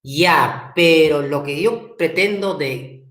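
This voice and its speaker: A man teaching an online language class, repeating his questions slowly and coaxing students to answer in the chat. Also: fairly high pitch, fairly bright tone. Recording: echoey room.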